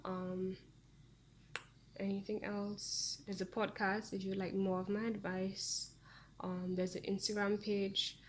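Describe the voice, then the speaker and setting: A woman's voice: mid-range voice, flat delivery, unhurried, slight background noise. A woman giving a casual tarot reading to her viewers, talking in a chatty, meandering way with frequent ums. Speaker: tarot reader.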